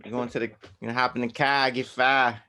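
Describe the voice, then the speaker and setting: Podcast co-host, male, mid-pitched, lively and loose, casual banter. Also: fairly quick, clean tone. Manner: animated, swings loud and soft, laughs, swears freely. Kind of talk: casual chat.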